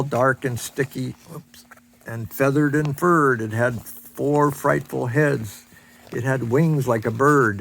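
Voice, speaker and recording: Gravelly grandpa reading a picture book. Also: male voice, mid-range voice. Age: older. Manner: chatty asides about the pictures.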